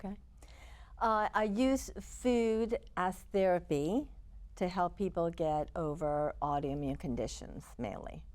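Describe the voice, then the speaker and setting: An older woman from Chile, a health counselor, calmly explaining as a guest in an interview. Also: lowish voice, unhurried. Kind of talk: interview answers.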